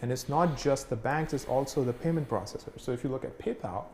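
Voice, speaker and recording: A man's voice: mid-range voice, quick pace, a little mellow. A man from Pakistan explaining things in a casual conversational way, full of fillers and "right?" checks. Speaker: instructor. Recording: echoey room, faint noise.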